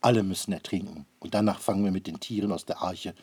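A man voicing a gruff, distracted old ark builder in a read-aloud storybook, speaking loudly and impatiently. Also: deep voice, fairly even intonation, quick pace.

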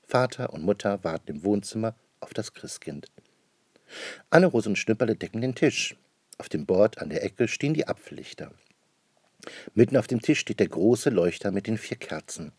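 A man narrating a children's Christmas story in a measured storytelling manner. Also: fairly low pitch, expressive, darkish tone, slightly rough, dry recording.

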